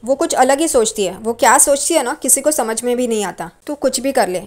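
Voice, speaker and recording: A woman voicing a steady, protective young husband who speaks in plain street Hindi to reassure his wife. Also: fairly high pitch, fairly quick, lightly acted. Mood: insistent.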